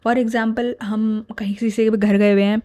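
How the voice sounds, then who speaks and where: A mother in her thirties gives casual parenting advice to camera on a lavalier mic, mixing Hindi and English. She is earnest and explanatory, with a warm, rather high voice. Her delivery is flat and unhurried.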